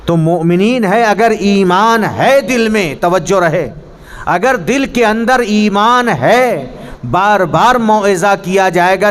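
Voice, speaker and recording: High-voiced man teaching Quran pronunciation. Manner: earnest, corrects pronunciation, demonstrates Arabic sounds. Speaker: religious teacher. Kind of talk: Quran recitation class. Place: mosque hall.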